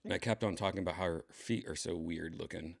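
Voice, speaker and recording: Hosting his own livestream, a tipsy comedian rambles casually, his raspy voice dry in the throat, frequently clearing it. He sits low and talks fast.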